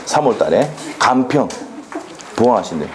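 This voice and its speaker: A man teaching a law exam prep class in a classroom, animated and drilling students with quick questions. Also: medium pitch, over a noisy crowd. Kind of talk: classroom lecture. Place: lecture classroom.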